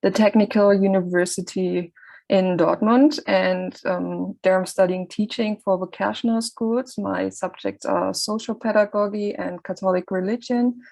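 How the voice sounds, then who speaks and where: A young German woman with a German accent, speaking English as a second language on a video call. She answers in a hesitant, halting way and restarts her phrases. Her voice is gravelly and fairly flat in pitch. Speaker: student panelist.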